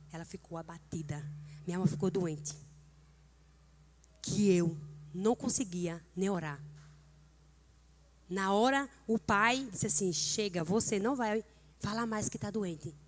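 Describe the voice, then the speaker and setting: Middle-aged brazilian woman at a church prayer meeting, earnest testimony, gets fervent and loud in bits, mid-pitched voice. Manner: earnest, emotional, rising to fervent emphasis. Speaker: church speaker leading prayer.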